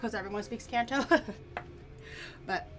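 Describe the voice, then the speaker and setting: Speaking slowly in a fairly high voice, a woman whose native language is Mandarin cooks on a casual livestream. She chats and giggles in a playful way while background music plays.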